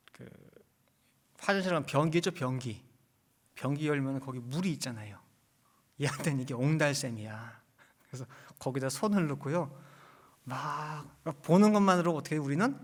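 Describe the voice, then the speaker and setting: A male pastor preaching a sermon, putting questions to his congregation and swinging between soft asides and loud emphasis. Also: a little high. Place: church sanctuary.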